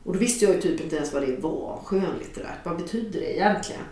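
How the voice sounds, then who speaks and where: A middle-aged woman telling a story aloud in a frank, lively way, swearing casually and acting out the dialogue. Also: lowish voice. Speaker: author telling an anecdote. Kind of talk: spoken storytelling to an audience. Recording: very echoey, from a distance.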